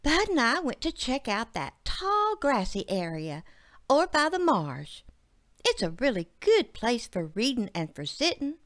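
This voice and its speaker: Woman doing a teen girl, bookish, high and eager, storybook voice. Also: big pitch swings, takes it slowly, no echo, studio quality, exaggerated voice. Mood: earnest. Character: teenage country girl, bookish and wary.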